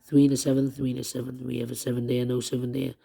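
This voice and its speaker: A man who has partly lost his voice, walking through a puzzle step by step in halting, repetitive short phrases. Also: mid-range voice, little pitch movement, creaky, mellow. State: lost voice, strained and troubled. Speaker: puzzle tutorial host. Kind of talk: step-by-step puzzle walkthrough, thinking aloud.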